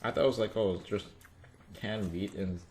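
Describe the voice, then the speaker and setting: Low-voiced man in casual chat, noisy background. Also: steady tone, normal speed, darkish tone. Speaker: mukbang video co-host. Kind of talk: casual chat over a meal.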